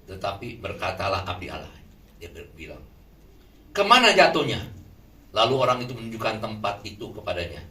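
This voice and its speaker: Lively bright-voiced man preaching. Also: lowish voice, fast talker. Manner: lively, asks the congregation questions. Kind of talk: sermon. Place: shelter hall. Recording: echoey room from far off, faint noise.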